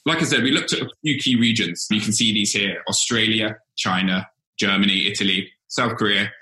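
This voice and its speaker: A man with a fairly low voice explains charts in a steady, methodical way, restarting phrases as he goes. His tone is bright and forceful. The recording sounds echoey, like a bare room. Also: fairly quick. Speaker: senior data scientist presenting a dashboard. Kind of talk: explaining data in a casual work chat.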